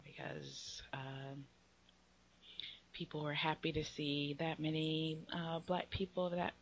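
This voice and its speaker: Slow-talking woman hosting a podcast, a bit low, drops near a whisper, kinda muffled lo-fi sound. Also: vocal fry, a bit bright. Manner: laughs often, many ums, drops to a near whisper. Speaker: podcast host. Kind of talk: casual chat. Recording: slightly dull lo-fi audio with faint noise.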